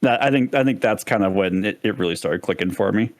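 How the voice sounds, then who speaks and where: A man's voice: lowish voice, quick pace, no echo. A man co-hosting a podcast, telling long casual stories about his gaming past with lots of fillers. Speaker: podcast co-host. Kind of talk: casual chat.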